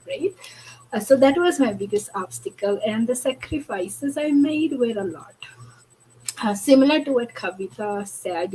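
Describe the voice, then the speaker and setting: A woman's voice: mid-range voice, low-quality recording. Woman w/ telling her story on a video call, earnest, lots of "you know", faint room hum. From Fiji. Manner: earnest and candid, many "you know" fillers and restarts. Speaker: online business owner on a panel. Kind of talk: personal story in a panel discussion.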